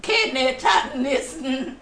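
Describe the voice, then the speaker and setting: A woman voicing a bossy old grandmother, slow and scolding. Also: sits high, expressive, a bit bright, roomy sound, distant mic, voice pushed up, heavily acted. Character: bossy old Jamaican granny.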